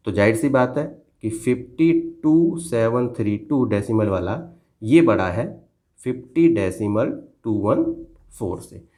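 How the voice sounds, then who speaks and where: A man's voice: on the low side, animated, unhurried, warm tone. Patient male math teacher explaining. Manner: patient, addresses pupils as "beta" and checks "theek hai na" often. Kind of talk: classroom lesson explained at a board.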